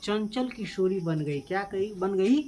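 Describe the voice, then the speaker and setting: A woman's voice: mid-range voice, lively intonation, measured pace, mellow, slight background noise. A woman teacher, explaining a school text to a class. She repeats each line and quizzes the students, switching into local dialect.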